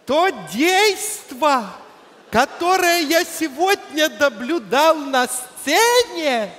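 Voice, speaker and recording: Grumpy old grandpa, very slow, high-pitched, pompous, echoing stage sound. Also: male voice, sing-song, a bit bright, full character voice. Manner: slow, pompous, then explosive. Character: cranky old grandfather just out of hospital. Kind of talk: comedy sketch on stage.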